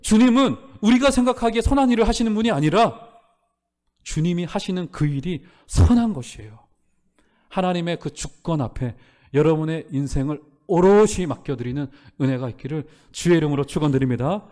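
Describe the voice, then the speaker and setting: A man preaching a Sunday sermon as pastor, earnest, asking the congregation rhetorical questions and dropping softer for prayerful lines. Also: a little high, lively intonation, a little fast. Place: church sanctuary.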